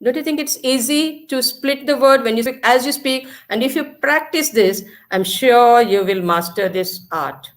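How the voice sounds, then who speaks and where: A woman's voice: on the high side, moderate pace, few pauses. A woman with an Indian English accent teaching a grammar lesson, repeating key points and checking that the class follows. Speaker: school teacher. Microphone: recorded lesson video.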